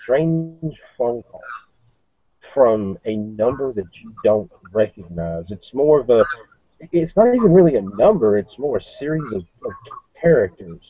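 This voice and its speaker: A man narrating a tabletop game as its game master who pauses and hunts for words. His pitch moves a lot and his voice is a bit husky. The sound is thin and phone-like. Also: very animated, no echo. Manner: halting, searching for words.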